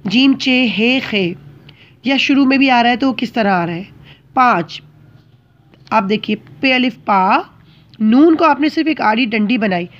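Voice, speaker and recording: A woman's voice: a little high, animated, a little slow, long pauses, muffled recording. Patient woman teaching children handwriting. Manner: patient, explains step by step and checks understanding.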